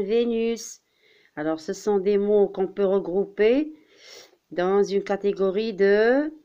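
A woman primary school teacher giving a vocabulary lesson, speaking deliberately, repeating words and acting out examples. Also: medium pitch, darkish tone, muffled recording.

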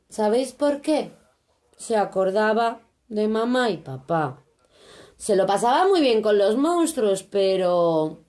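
A woman from reading a children's story aloud in an expressive, animated way. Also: mid-range voice.

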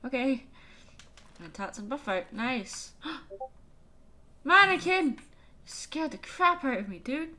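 A woman hosting a let's play chats casually and is easily startled, exclaiming at what happens in the game. Her high voice is very animated yet slow, with long pauses and a bright, forceful tone.

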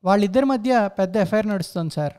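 A man voicing a gossipy young man at a film studio, who talks in a quick, knowing, teasing way. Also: high-pitched, lively intonation, warm tone, clean tone.

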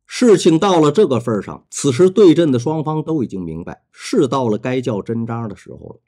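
A man narrating a novel retelling in a dramatic, expressive way. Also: medium pitch, a little fast. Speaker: storyteller.

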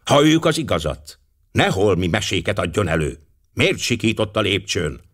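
A man's voice: fairly low pitch, very animated. Poirot, man doing a fussy detective. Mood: commanding. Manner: precise, sprinkles French phrases. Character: fussy, commanding older male detective.

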